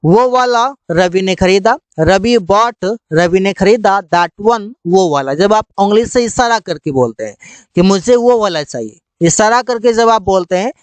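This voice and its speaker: A man teaching spoken English, explaining in Hindi and reading each English example slowly and deliberately. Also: high-pitched, lively intonation, clear, resonant tone, dry recording.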